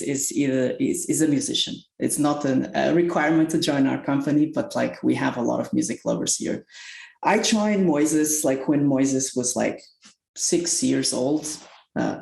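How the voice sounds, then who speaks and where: A man's voice: medium pitch, creaky, a little mellow. A man from Portugal, a guest on a podcast, speaking earnestly and searching for words in English. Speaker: tech company executive guest. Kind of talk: podcast interview. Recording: roomy echoey sound.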